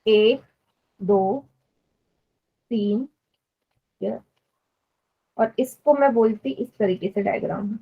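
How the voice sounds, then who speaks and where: A woman's voice: mid-range voice, extremely slow, long pauses, slightly rough, narrow, tinny audio. A woman teaching math in a live online class, patiently explaining and quizzing students. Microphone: online class stream.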